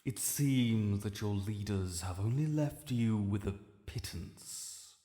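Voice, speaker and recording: Cold and disdainful, a British man portrays an imperious ancient male dragon lord for a fantasy audio roleplay, proud and swift to righteous anger. His low, gravelly voice has a dark tone, and he speaks formally, commandingly, and haughtily in deliberate archaic language. A little hiss or hum sits under cavernous reverb and a long echo.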